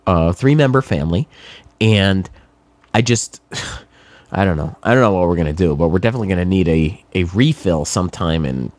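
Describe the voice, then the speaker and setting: A man's voice: deep voice, darkish tone, dry recording. A middle-aged man from New England with a cold, talking casually and wryly sarcastic in a rambling monologue with many fillers. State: has a cold, congested.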